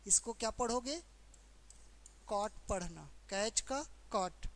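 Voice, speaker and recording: A woman's voice: medium pitch, animated. A woman teacher with a Hindi accent explaining English verb forms in a grammar lesson, asking questions and repeating each answer. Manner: slow, repetitive explaining with questions to students. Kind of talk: exam-prep grammar lesson.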